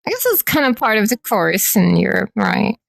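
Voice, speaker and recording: A woman's voice: medium pitch, sing-song, moderate pace, gravelly, no echo, clean studio sound. A woman streamer in casual, playful chat with her viewers, teasing them lightly.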